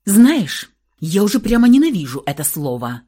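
A woman voicing a hot-tempered young woman who is frantic and stubborn, with shrill, hysterical outbursts, in an audiobook reading. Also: big pitch swings, moderate pace, warm tone, husky. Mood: needling.

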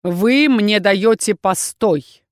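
A woman's voice: medium pitch, drawn-out words, no echo, clean studio sound. Woman reading a smug mocking inquisitor lord. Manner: mocking, insolent, pushy.

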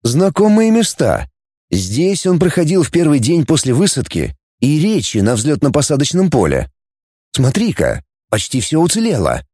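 A man's voice: on the high side, huge pitch swings, moderate pace, dark tone, breathy edge, no echo, clean studio sound, heavily acted. A man reading an audiobook voices a tough, sarcastic male space-fleet coordinator who barks orders. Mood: commanding.

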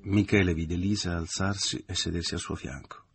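A man narrating a literary novel as an audiobook, in a measured, even reading. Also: low voice, creaky, faint music behind.

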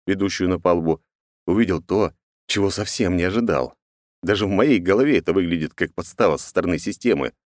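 Deep-voiced man reading an audiobook. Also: no echo, studio quality. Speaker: audiobook narrator. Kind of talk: first-person audiobook narration.

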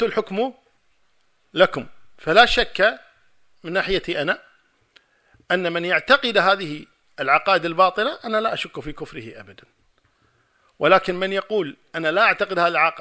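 A man delivers a religious lecture in a high, bright voice and talks at a brisk pace. He acts out a past debate as back-and-forth dialogue, stacking one forceful, repeated line on top of another. Between these runs he answers questions from the audience. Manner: emphatic, retells a debate in dialogue and builds to forceful repeated points. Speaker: Islamic scholar giving a lecture.

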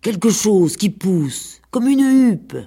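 A woman voicing a vain, gullible male farm pig who frets over his looks and boasts eagerly, with a husky voice. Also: medium pitch, expressive, slow pace, dark tone, pitched above the performer's own voice.

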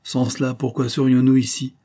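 A man's voice: mid-range voice, little pitch movement, fairly quick, warm tone, pitched above the performer's own voice, natural voice. A man reading an audiobook voices a scheming, ruthless female adventuress who gives orders in an imperious, gloating manner. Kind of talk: audiobook character voicing.

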